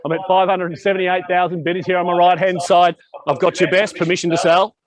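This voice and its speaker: A man's voice: high-pitched, flat delivery, quick pace. An Australian man working as an auctioneer, calling out bids in repeated numbers with polite, insistent sales patter. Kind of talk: live auction bid-calling, chanting bids and repeated calls. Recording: live auction with people around. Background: small crowd at a live property auction.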